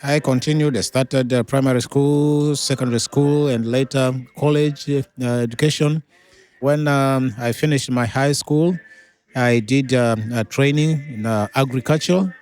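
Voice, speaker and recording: A middle-aged man from Tanzania, a pastor, telling his life story as an interview guest in an unhurried way with many pauses and fillers. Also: mid-range voice, darkish tone, clear, resonant tone.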